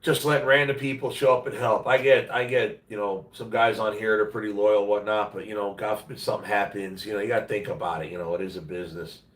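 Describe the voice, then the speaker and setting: Fast and with hardly any pauses, this fairly low, fairly bright male voice keeps a fairly even intonation. He's a livestream host rambling casually from home while sick, nasal, congested and worn out, blunt and slangy in manner. The sound is echoey from a distant mic in a roomy room.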